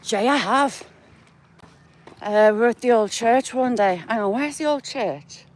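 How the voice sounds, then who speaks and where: A woman's voice: a little high, measured pace. A woman with a northern English accent, chatting to her viewers by name while walking outdoors in the countryside. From England. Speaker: vlogger. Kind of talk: casual live-chat walk vlog.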